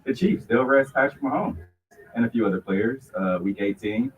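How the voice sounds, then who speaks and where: A man's voice: mid-range voice, lively intonation, moderate pace. A man hosting a sports and pop culture show in a casual, informal way, often repeating his phrases. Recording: muffled, slightly distant, faint noise.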